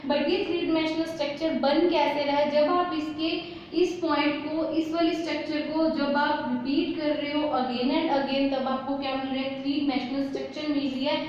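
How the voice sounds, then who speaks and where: A woman's voice: high voice, steady tone, normal speed, darkish tone, slight background noise. A woman teaching chemistry, who keeps asking rhetorical questions and answering them herself while mixing English terms into her explanation. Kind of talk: whiteboard lesson. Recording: echoey room, slightly dull.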